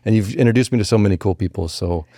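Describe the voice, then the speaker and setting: A middle-aged man hosts a laid-back podcast chat, rambling toward his questions and cracking jokes. His voice is very low and warm, with a dark, mellow tone. The recording is dry and close. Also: racing, no echo. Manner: rambling, jokey, laughs often. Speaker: podcast host. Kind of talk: casual podcast interview.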